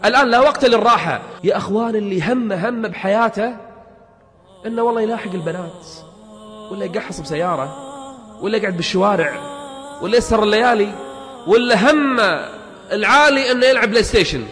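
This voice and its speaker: A man's voice: high voice, fast talker, pauses often, a bit bright. A man preaching a motivational sermon, emphatic, firing rhetorical questions and repeating himself for force. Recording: long hall reverb with background music.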